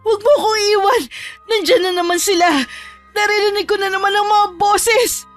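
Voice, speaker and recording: Frantic, shrill rich landowner, tormented , as a woman puts her on; radio-play horror. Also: unhurried, a bit bright, soft background music. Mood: panicked. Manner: scornful, then panicked and shrieking. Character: sickly, tormented rich woman, hacienda owner.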